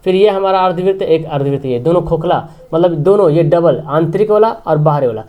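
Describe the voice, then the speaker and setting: A man's voice: a little high, fairly quick, phone-quality sound. A man teaching a maths problem step by step, talking as he writes and often checking in with tag questions. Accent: Hindi regional, Bihar. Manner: talking while writing, frequent tag questions. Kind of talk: explaining maths at a board.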